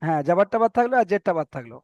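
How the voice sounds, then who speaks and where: A man's voice: sits high, sing-song, racing, darkish tone, dry recording, muffled recording. A man teaching Arabic letter reading in an online class, patiently repeating each point and checking that students follow.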